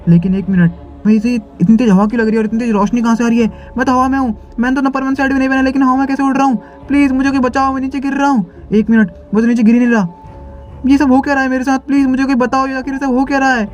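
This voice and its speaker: A man's voice: extremely high pitch, level tone, rapid-fire, soft background music, voice pushed up. A man voicing a scared young boy who pleads and asks panicky questions in a nightmare, in an audio story. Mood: panicked.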